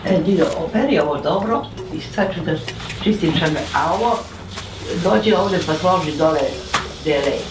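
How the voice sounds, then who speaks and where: A bossy woman hands out quick instructions while she cooks. She sounds distant in an echoey kitchen, and food sizzles clearly in the pan. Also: on the low side, background noise. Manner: brisk, bossy.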